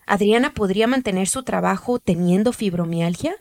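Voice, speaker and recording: A woman hosting and narrating a podcast in a calm, measured, explanatory way. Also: medium pitch. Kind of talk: scripted narration.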